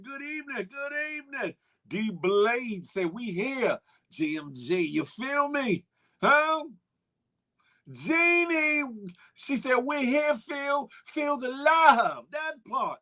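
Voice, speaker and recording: High, bright-voiced man hosting a live stream. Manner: animated, shouts out viewers' names in the chat; loose and conversational, repeats catchphrases. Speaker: live-stream talk show host. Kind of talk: casual live-stream chat greeting viewers.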